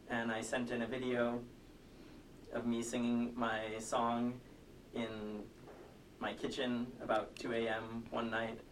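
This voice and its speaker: An American man telling a story as an interview guest, measured and articulate, on a telephone connection. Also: mid-range voice. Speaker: interview guest, singer and songwriter. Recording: distant, noisy phone connection.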